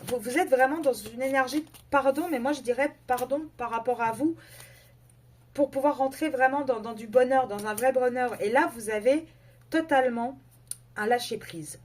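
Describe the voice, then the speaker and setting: Hesitant woman giving a card reading. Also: high voice. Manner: hesitant, halting, frequent fillers and self-corrections. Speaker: tarot and oracle card reader. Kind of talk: casual card reading addressed to viewers.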